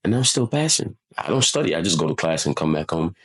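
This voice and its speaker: A man's voice: low-pitched, slightly rough. A young man from Nigeria hosting a podcast, asking questions in casual chat and agreeing with his guest bluntly and with energy. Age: young adult. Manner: animated, blunt, quick to agree. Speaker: podcast host.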